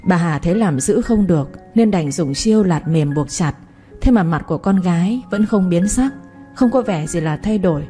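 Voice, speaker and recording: A woman narrating a story in a steady, measured reading voice. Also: lowish voice, soft background music.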